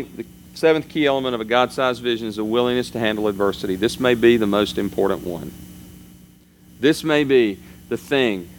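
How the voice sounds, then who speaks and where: A man's voice: fairly low pitch, slight background noise. A man preaching a sermon as pastor, in a conversational style, his voice rising and falling for emphasis.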